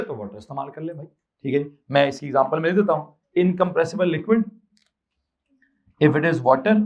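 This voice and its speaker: A man from Pakistan teaching a physics class, mixing Urdu with English terms and slowly dictating notes, repeating phrases and quizzing his students. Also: on the high side, poor audio. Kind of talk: classroom lecture.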